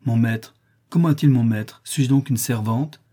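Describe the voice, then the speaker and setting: A man's voice: mid-range voice, normal speed, mellow, slightly rough, natural voice. A man voicing a defiant young orphan girl in a storybook reading, who speaks with indignation. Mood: indignant.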